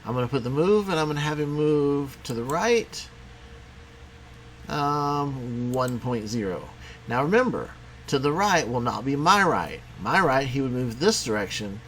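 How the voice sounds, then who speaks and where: A man teaching a programming lesson in a casual, conversational way, talking as he clicks through software. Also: mid-range voice, animated, a little slow, a little hiss or hum. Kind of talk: screen-recorded coding tutorial.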